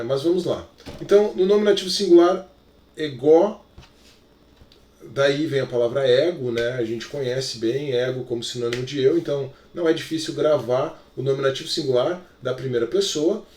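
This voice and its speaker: A man's voice: on the high side, normal speed, a little mellow. A male teacher with a Brazilian Portuguese accent, giving a recorded lesson in an explanatory way, full of little check-in fillers. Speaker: Greek teacher. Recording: echoey room, voice from far off.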